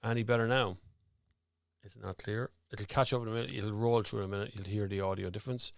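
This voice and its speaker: Fast and creaky, with fairly even intonation and a voice on the low side, an Irish host rambles and chats as he fixes his audio during a casual live stream. The studio-quality recording has no room sound and uses a studio microphone with headphones.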